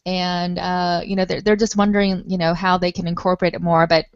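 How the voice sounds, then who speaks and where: Casting: earnest woman, low-set voice, dry and close, lo-fi web stream. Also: level tone, brisk, no room sound. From Taiwan. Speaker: nonprofit spokesperson. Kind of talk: panel discussion.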